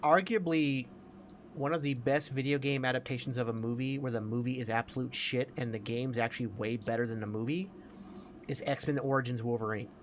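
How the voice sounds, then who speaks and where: A man co-hosts a casual podcast chat on games and movies, emphatic in his opinions and swearing freely. He keeps a steady tone in a mid-range voice at a fairly quick pace, with a little hiss or hum audible.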